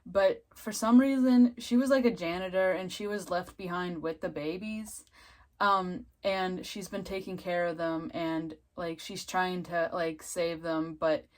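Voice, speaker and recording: A woman's voice: lowish voice, fairly even intonation, measured pace. A woman casually recapping and reviewing a TV episode, chatty and full of filler words, often breaking into giggles.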